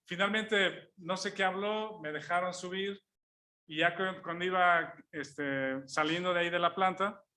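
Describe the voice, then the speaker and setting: Man, pitched a bit high with a bright, forceful tone, preaching through a lively personal anecdote, voicing each person in it. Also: unhurried. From Mexico. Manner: storytelling, acts out dialogue, chuckles while telling it. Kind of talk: sermon illustration told as an anecdote.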